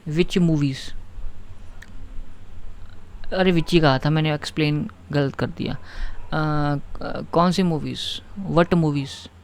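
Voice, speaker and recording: A man teaching English grammar in an online lesson, explaining step by step and reading example sentences out slowly. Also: on the high side, fairly even intonation.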